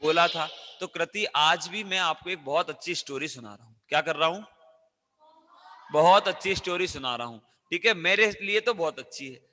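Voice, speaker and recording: Loud, bright-voiced man teaching children. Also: on the high side, moderate pace, in a large hall. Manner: loud, coaxing, quizzing children with call-and-response questions. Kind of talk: interactive class for children.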